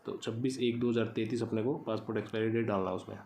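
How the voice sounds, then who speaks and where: A man's voice: fairly low pitch, fairly even intonation, racing, creaky, darkish tone, slight background noise. A man explaining an online check step by step, repeating numbers aloud as he types them. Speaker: tutorial host. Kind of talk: screen-recorded how-to explanation.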